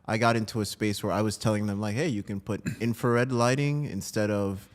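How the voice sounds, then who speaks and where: Speaking fairly quickly in a steady, fairly low voice, this podcast guest from New Jersey chats informally about his breathwork coaching.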